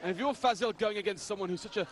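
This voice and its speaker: High-voiced male fight commentator. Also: rapid-fire. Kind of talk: live sports commentary.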